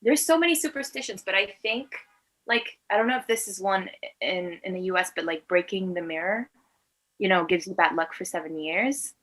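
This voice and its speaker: A low-quality recording catches a medium-pitched, fairly bright female voice at normal speed. She is an actor and filmmaker in her twenties, a native Spanish speaker from Venezuela in Latin America, conversationally answering questions as an interview guest.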